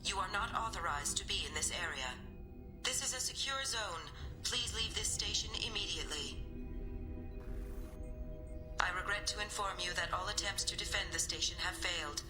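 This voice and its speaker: A woman's voice: mid-range voice, moderate pace, long pauses, music in the background. An actress voicing a stern female security computer on a station, giving clipped, formal announcements in a video game. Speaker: game character.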